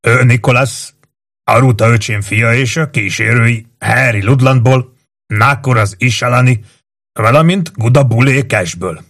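A man voicing a confident royal prince in an audiobook, speaking in a measured, authoritative way. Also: medium pitch, fairly bright tone.

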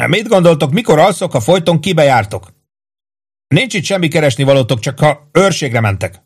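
A man's voice: a little high, very animated, breathy edge, voice pushed up. A man voicing a grumpy, indignant army cook woken from sleep, grumbling at the intruders. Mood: irritated.

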